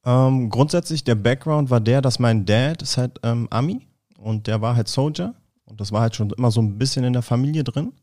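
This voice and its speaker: A man in his thirties from Berlin, Germany, who plays football, chats casually as a guest on a podcast interview. His voice is medium-pitched and a little fast, and he sounds relaxed, using lots of fillers and restarting sentences often.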